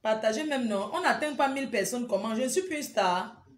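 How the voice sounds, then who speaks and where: A woman's voice: fairly high pitch, expressive, fairly quick, roomy sound. A woman hosting a casual live stream from home on her phone, urgently repeating her pleas to viewers and teasing them with scolding banter. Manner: repetitive, urgent pleading with viewers. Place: at home indoors.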